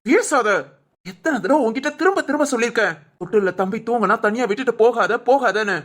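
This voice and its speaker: A voice actor playing an angry young husband in a cartoon, scolding his wife in a sharp, bossy way. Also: medium pitch, animated, quick pace. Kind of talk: cartoon voice acting.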